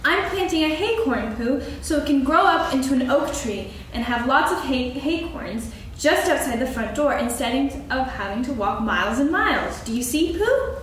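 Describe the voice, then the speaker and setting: A woman's voice: sits high, lively intonation, normal speed, hardly any pauses. A woman playing a small, timid, earnest piglet in a staged reading of a children's story, with a childlike manner. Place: stage, actors seated, live audience recording. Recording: echoey hall from far off, faint noise.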